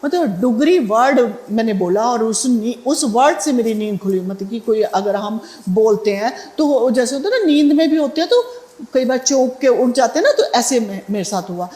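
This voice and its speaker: Hindi-speaking woman with a higher voice. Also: animated, moderate pace, dark tone, reverberant. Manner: conversational, many fillers and restarts. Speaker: devotee sharing a testimony. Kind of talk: spoken satsang testimony.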